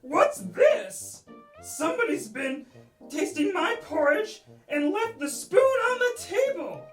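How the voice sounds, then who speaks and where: A woman voicing a big, indignant father bear in a puppet storytime, grumbling loudly in complaint. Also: very high voice, big pitch swings, takes it slowly, roomy sound, recorded from a distance, soft background music, pitched above the performer's own voice, exaggerated voice.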